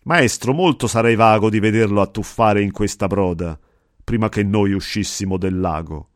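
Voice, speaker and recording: A man's voice: fairly low pitch, normal speed, no room sound, clean studio sound, close to an everyday voice. A man voicing an earnest, fearful male pilgrim poet, speaking in verse. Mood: curious. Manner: pleading, earnest recitation of verse.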